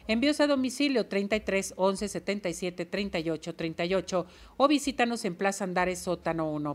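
A woman hosting a show, delivering live promotional reads and introducing segments. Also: mid-range voice. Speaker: show host.

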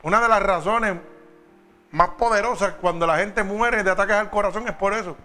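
A man's voice: high-pitched, moderate pace, bright, forceful tone, faint music behind. A man preaching a sermon, talking straight to the congregation with emphatic questions.

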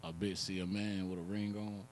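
A man with a deep, low voice speaks in a casual group chat. His talk is blunt, slangy and full of profanity, recorded with some background noise and hum. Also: level tone, fairly quick, a little mellow.

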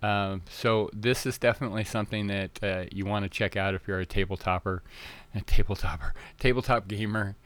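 A man's voice: fairly low pitch, fairly even intonation, fairly quick, a bit bright, dry recording. A man hosting a podcast, chatting casually in a rambling way, full of fillers and restarts, a bit tongue-tied early in the morning. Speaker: podcast host.

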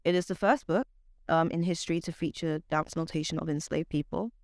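A woman with a transatlantic accent mixing British and Barbadian talks about her writing as an interview guest, halting and correcting herself with emphasis. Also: low-pitched, fairly even intonation, dry recording. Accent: transatlantic mix of British and Barbadian. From born in Britain, raised in Barbados. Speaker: guest poet and author.

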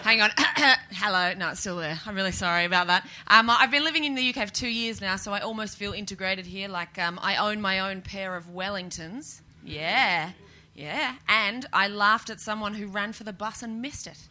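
A woman's voice: mid-range voice, moderate pace, sharp tone. A young Australian woman doing a stand-up set, chatty and self-mocking with punchy delivery. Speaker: stand-up comedian.

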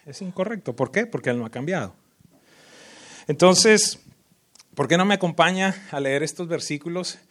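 Lively preaching man, sharp loud rises. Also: on the high side. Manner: lively preaching with sudden loud rises and mocking impressions of worshippers. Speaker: pastor. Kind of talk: sermon.

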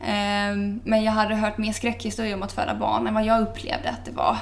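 A young woman, a podcast guest, telling a personal story in a lively way and acting out the dialogue she remembers. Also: mid-range voice, vocal fry. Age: young adult. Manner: lively storyteller who acts out quoted dialogue. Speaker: interview guest. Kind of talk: casual podcast interview.

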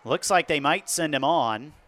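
Casting: male American football announcer, forceful bright tone, higher-set voice, live commentary. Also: normal speed, a faint crowd.

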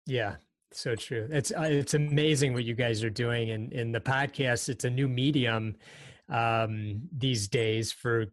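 A middle-aged man speaking as a podcast guest, thoughtful and unhurried, often saying "you know". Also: mid-range voice, fairly even intonation, no room sound. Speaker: guest, company president. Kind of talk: reflective interview talk.

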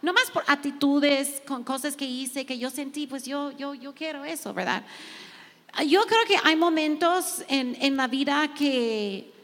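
High-voiced woman sharing with emotion. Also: animated, measured pace, a bit bright, long reverb tail. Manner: emotional, heartfelt, reading scripture aloud. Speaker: pastor. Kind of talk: sermon-style sharing.

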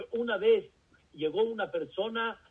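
A man's voice: high-pitched, measured pace, husky. A man with a Mexican accent, a rabbi preaching a sermon with rhetorical questions and folksy stories. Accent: Mexican Spanish. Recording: tinny phone-like recording.

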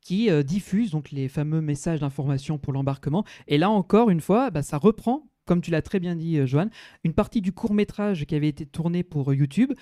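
A man's voice: on the high side, brisk, mellow, no echo, studio quality. A man on a podcast, describing a theme park ride at length with frequent hesitations. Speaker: podcast co-host. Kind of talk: casual podcast discussion.

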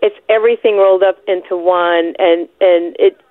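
Female caller, heartfelt, halting delivery, tinny dry phone line. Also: fairly low pitch, steady tone, dry recording. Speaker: radio caller. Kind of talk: phone-in comment.

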